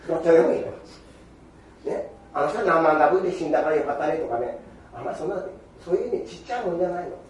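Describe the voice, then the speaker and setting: An older man with a giving a Buddhist sermon in an animated storytelling manner, acting out quoted exchanges. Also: fairly high pitch, very fast, slight background noise. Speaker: Buddhist preacher. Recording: echoey hall from far off.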